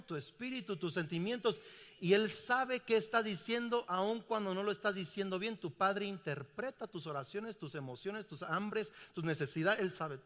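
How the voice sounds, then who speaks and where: A man's voice: sits high, sharp tone. A middle-aged man, preaching a sermon emphatically and asking the congregation questions. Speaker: pastor. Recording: reverberant church hall.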